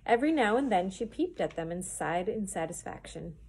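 A children's librarian reading a chapter book aloud in a clear, expressive storytelling manner. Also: female voice, medium pitch, fairly quick.

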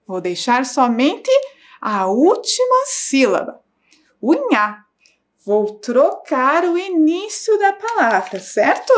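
Slow patient lady teacher from brazil, kind of high voice, bouncy sing-song tone for little kids. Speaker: primary school teacher. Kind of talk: slow, clear classroom lesson for young children. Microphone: broadcast studio mic.

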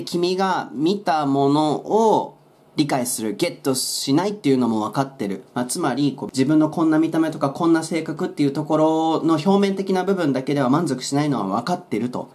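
A man's voice: fairly high pitch, darkish tone. A man explaining English song lyric pronunciation in a friendly, explanatory way with playful asides.

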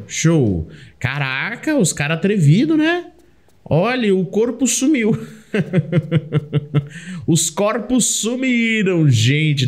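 Playing a video game for a laid-back let's play, a young man with a Brazilian Portuguese accent keeps up lively, chatty commentary and often addresses the on-screen character himself. His voice leans toward the high side.

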